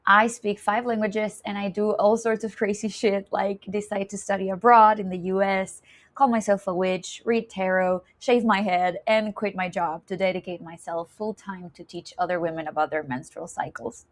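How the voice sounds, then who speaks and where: A woman's voice: medium pitch, steady tone, moderate pace. A young woman from Chile, a nurse and menstrual health educator, introducing herself in a candid, chatty vlog and laughing often. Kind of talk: casual self-introduction vlog.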